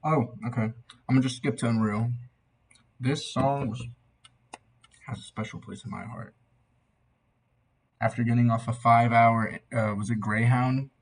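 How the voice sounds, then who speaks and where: A young man giving a casual, tipsy album reaction in a loose, meandering, slightly husky way. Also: medium pitch. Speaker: amateur music reviewer.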